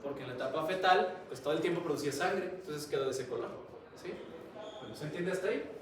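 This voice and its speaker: A man's voice: a little high, quick pace. Man lecturing in an echoey classroom. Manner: conversational, keeps asking students questions. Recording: echoey classroom, mic far off, noisy.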